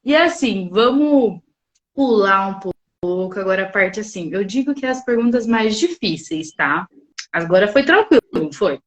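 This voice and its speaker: A Brazilian woman hosts a casual podcast interview. She talks in an expressive, chatty way and laughs often. Her voice sits in a mid range. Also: medium pitch, moderate pace. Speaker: podcast host.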